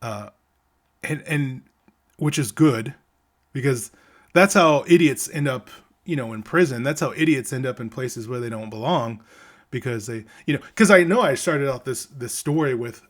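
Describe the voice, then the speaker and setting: A man's voice: mid-range voice, lively intonation, normal speed. A middle-aged man casually telling a story from his days as a game tester, rambling with many restarts and acting out the people he quotes.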